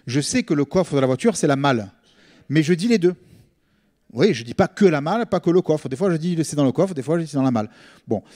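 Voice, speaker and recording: A man's voice: on the high side, warm tone. A middle-aged man with a Marseille accent gives an informal lecture, explaining things conversationally as a linguist and often checking in with his listeners. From Marseille, France. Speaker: linguist giving a public talk.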